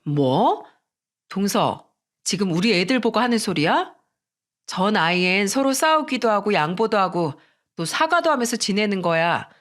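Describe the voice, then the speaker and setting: A woman's voice: mid-range voice, sing-song, unhurried, a bit bright. A woman reading the part of a firm elder sister-in-law, a teacher and mother, lecturing a younger relative. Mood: indignant.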